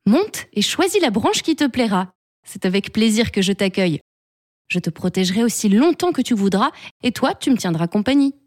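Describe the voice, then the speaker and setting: Woman doing a gentle, welcoming fir tree. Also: mid-range voice, very animated, moderate pace, no echo, close to an everyday voice. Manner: gentle, warm-hearted.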